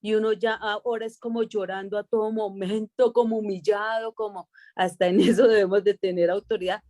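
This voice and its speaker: A woman's voice: mid-range voice, level tone, a little fast, dark tone. Earnest woman sharing a testimony. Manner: earnest, reflective, with fillers. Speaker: Bible study participant.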